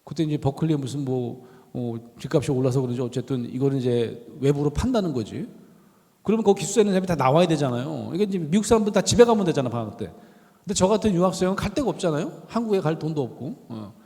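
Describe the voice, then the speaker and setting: This is a middle-aged guest lecturer and professor with a fairly high pitch who talks fast. In a big university chapel hall full of long reverb, he tells stories animatedly and acts out each voice he quotes.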